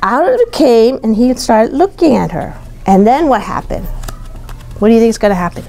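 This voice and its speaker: With a fairly high pitch and a moderate pace, a woman shares a picture book aloud with a young child. She brings an animated, expressive energy and keeps her language simple for the child, adding explanations along the way and regularly repeating and asking questions.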